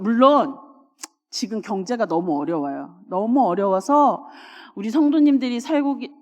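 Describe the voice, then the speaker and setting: A woman pastor with a high voice delivers a lively sermon, slipping into the voices of her listeners' inner thoughts and breaking into laughter. Her voice rings with the long reverb of a church sanctuary. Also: highs cut off.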